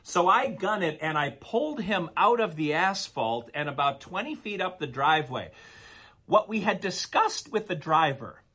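A man co-hosting a podcast, telling a long story in a casual, animated, rambling way. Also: high voice, moderate pace. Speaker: podcast co-host.

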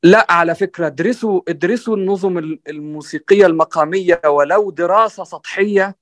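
A man's voice: sits high, fairly quick, no echo. A man with an Egyptian accent in a panel discussion, talking earnestly with many restarts and fillers and often checking in with "right?". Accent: Egyptian Arabic. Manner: earnest and exhorting. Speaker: guest musician on a panel. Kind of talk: conversational discussion.

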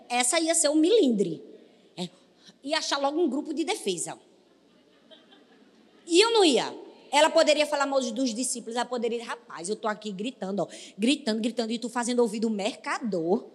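A Brazilian woman preaches with a high, ringing voice, calling out to her congregation. She drops to hushed tones, then climbs to fervent shouts. Her words trail off in the long reverb of a church hall. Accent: Brazilian Portuguese. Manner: emphatic, calls on the congregation, swings between hushed and shouting. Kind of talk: sermon.

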